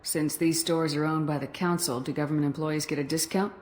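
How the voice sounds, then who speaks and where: A woman's voice: deep voice, steady tone, brisk, darkish tone, a little hiss or hum, natural voice. An actress playing a confident, blunt female space commander in a video game. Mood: assured. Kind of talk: video game character acting.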